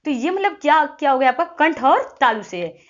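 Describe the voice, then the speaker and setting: A woman's voice: high-pitched, big pitch swings, fairly quick. A woman teaching an exam-prep lesson, explaining step by step, sounding out letters and often checking in with listeners. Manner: frequent "thik hai" check-ins. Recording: dull lo-fi audio.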